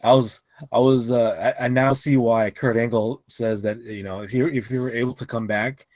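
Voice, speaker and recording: A man in a casual podcast chat, worn out after a twelve-hour shift. He rambles, stacking up fillers and restarting his sentences. The sound is dry and close, with an ordinary middle pitch. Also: fairly even intonation, moderate pace, darkish tone, no echo. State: tired after a long shift. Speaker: podcast co-host.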